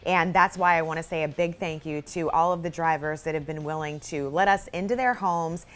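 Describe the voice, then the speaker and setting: A woman in her thirties hosting a sports TV show, upbeat and quick, interviewing a guest and signing off. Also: low voice, a bit bright. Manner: upbeat, quick, laughs easily. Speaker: sports TV host.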